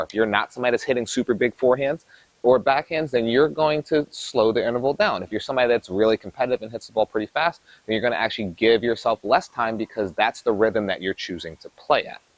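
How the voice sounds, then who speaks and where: A man coaching tennis, explaining drills in an energetic, explanatory way while demonstrating on the court. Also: mid-range voice, no echo, rough recording. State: a little out of breath. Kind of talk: instructional coaching talk.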